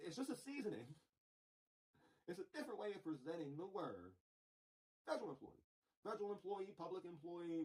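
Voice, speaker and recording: A man's voice: fairly high pitch, a little mellow, low-quality recording. A man giving blunt, profane political commentary on a live news stream, repeating phrases for emphasis.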